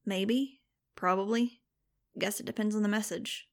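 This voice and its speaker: A woman's voice: mid-range voice, fairly even intonation, a little slow, lightly acted. A woman voicing a paranoid, laid-back young male hacker who talks in a casual, slangy way. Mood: wary.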